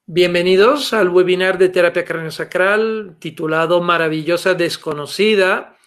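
A middle-aged man with a notably high voice leads an online lesson over a webcam, speaking Spanish. He explains patiently and steadily, filling his pauses with little "eh"s and checking in with "okay?". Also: fairly bright tone. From Italy. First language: Italian. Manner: patient explanatory, fond of "eh" and "¿ok?" tags. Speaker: therapy instructor. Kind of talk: webinar lecture. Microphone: webcam video call.

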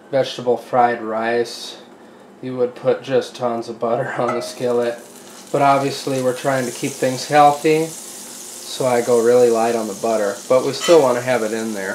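In an unhurried, darkish mid-range voice, a man narrates his home cooking in a relaxed way, describing what he does at the stove as he goes. Behind him, a pan sizzles and a spoon stirs, with clear kitchen noise in an echoey space.

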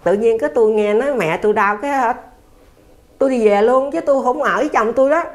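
Talking fast in a fairly high voice, this older woman with a Southern Vietnamese accent is being interviewed. Her storytelling is casual and conversational, earnest and plain, with a lot of repetition.

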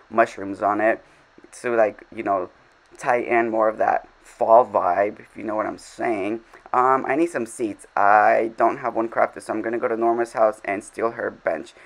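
A game vlogger with a low voice rambles casually over his gameplay, full of fillers and self-deprecating asides, recorded with poor audio.

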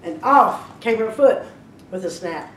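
A woman librarian reads a rhyming storybook aloud, slowly and expressively, her fairly high voice swinging up and down. She is heard from a little way off in a roomy library space, with a faint rumble behind. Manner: lively, expressive reading with slips and restarts. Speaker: children's librarian. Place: library room. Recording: roomy echo, mic at a distance, faint rumble.

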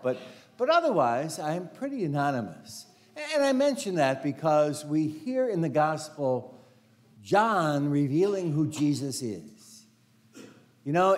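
Walking before the altar with a lapel mic, an older male priest delivers a chatty, anecdote-filled homily in a big carpeted sanctuary. His voice is medium in pitch and a bit mellow, and his storytelling is peppered with "you know" and easy laughter.

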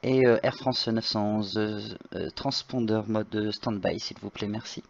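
A man working as an air traffic controller, giving clearances in radio phraseology with a hesitant, polite manner through a computer microphone. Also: steady tone, measured pace. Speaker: tower air traffic controller in online flight simulation. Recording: dull, muffled low-fidelity microphone.

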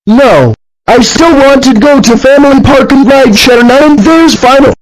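A text-to-speech voice doing a spoiled little boy in a cartoon, very high and squeaky, demanding and whiny, stubborn to the core. It has a flat synthetic sound and a pushy, insistent way of talking. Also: normal speed, low-quality recording. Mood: defiant. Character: bratty defiant young boy. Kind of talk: synthetic voice in an animated comedy.

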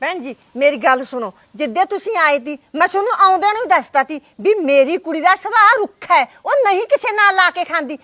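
A woman playing a placating, high-voiced mother. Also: lively intonation, a little fast, few pauses, bright, forceful tone, dry recording, exaggerated voice. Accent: Punjabi. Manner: pleading, placating. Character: conciliatory mother of the household, middle-aged.

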